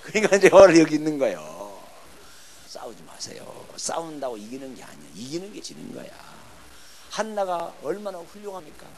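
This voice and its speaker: A middle-aged man preaching a revival sermon in a church, swinging between loud bursts and hushed lines and acting out quarrels. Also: fairly high pitch, sing-song, normal speed. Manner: emphatic, swings from shouting to near-whispers, acts out quarrels. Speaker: pastor. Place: church sanctuary.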